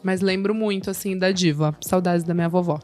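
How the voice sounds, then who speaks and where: A woman from Brazil co-hosting a podcast, reminiscing fondly in a relaxed, casual way with many fillers. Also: fairly low pitch, fairly quick, soft background music. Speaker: podcast co-host. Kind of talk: casual chat.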